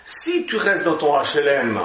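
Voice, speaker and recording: A man's voice: fairly high pitch, huge pitch swings, unhurried, bright, forceful tone. A man preaching an Easter sermon, exhorting his listeners and breaking into joking asides. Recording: roomy hall echo.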